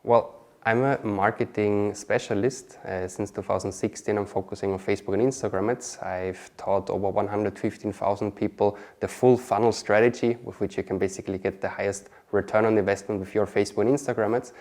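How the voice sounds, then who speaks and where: A man's voice: lowish voice, fairly even intonation, brisk, darkish tone. A man from Austria, a marketing specialist chatting as an interview guest, often adding "okay?" and "you know". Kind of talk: casual interview answers.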